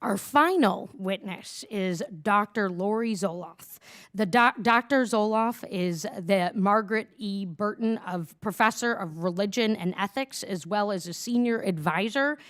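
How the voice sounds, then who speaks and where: A woman's voice: medium pitch, a little slow. Woman reading witness introductions. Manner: steady reading with small stumbles. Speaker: subcommittee chair introducing witnesses. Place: congressional hearing room.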